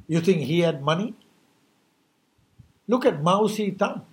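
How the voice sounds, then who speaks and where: A man's voice: sits high, animated, unhurried. A man delivering an impassioned New Year message as a rhetorical monologue, emphatic and preachy, full of rhetorical questions.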